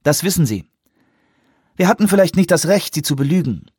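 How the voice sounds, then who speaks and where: A man voicing a controlled, insistent female commanding officer in a dry, husky-toned audiobook reading. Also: on the high side, big pitch swings, darkish tone, no echo, voice pushed up, exaggerated voice. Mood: persuasive. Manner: insistent, measured pleading.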